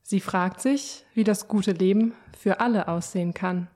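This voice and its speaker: Gentle woman co-narrating an audio walk. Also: medium pitch, a little slow. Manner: gentle, reassuring, inviting. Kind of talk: scripted narration.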